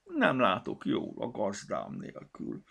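A man with a gravelly, husky voice, voicing a small, timid talking pair of glasses in a storybook, high and plaintive. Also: sing-song.

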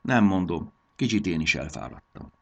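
A man's voice: low-pitched, sing-song, creaky, fairly bright tone, heavily acted. A man voicing a brave young boy who talks in a reassuring, eager way.

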